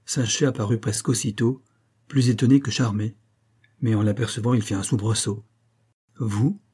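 Male audiobook narrator, steady and measured, dark husky tone. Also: on the low side. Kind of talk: scripted narration.

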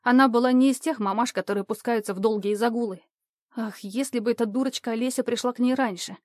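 A woman reading an audiobook in even, measured scripted narration. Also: a little high, dry recording, clean studio sound.

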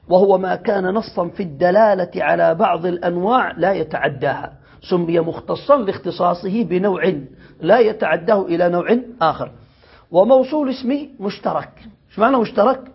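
A man's voice: high voice, a little fast, vocal fry, breathy edge. A man teaching a classical Arabic grammar lesson, reading the text aloud, explaining it and quizzing his students. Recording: dull lo-fi lecture recording.

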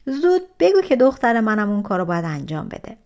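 A woman voicing a wicked, scheming stepmother in a storybook tale, who makes sharp, hurried demands. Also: mid-range voice, very animated. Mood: angry.

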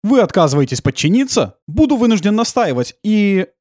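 A man voicing a stubborn male policeman in an audiobook, giving loud, insistent orders. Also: high voice, very animated, a little fast, dry recording, clean studio sound, pitched above the performer's own voice.

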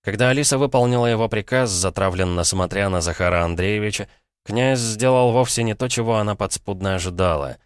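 Deep-voiced male audiobook narrator. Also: a little fast, clean tone, no echo, clean studio sound. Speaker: audiobook reader. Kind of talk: scripted narration.

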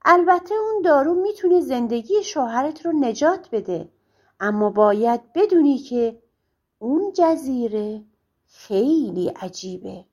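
Old fortune-teller woman, fretful and warning, voiced by a woman narrator, mellow husky tone. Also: sits high. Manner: hesitant, warning.

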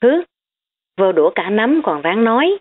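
A woman voicing a defensive, sharp-tongued young female student hiding her family's wealth, on tinny phone-like audio. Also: mid-range voice, very animated, measured pace, pitched above the performer's own voice.

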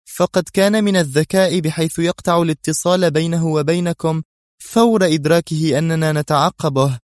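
A man's voice: fairly high pitch, no echo, studio quality, pitched above the performer's own voice, lightly acted. A man voicing a scheming female crime boss in an audiobook, taunting and laughing with smug confidence. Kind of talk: audiobook character voice.

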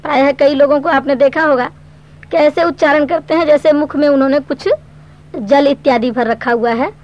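A woman teaching a Sanskrit grammar lesson, explaining patiently step by step and reciting verse slowly. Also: high voice, fairly even intonation, darkish tone. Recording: dull lo-fi recording.

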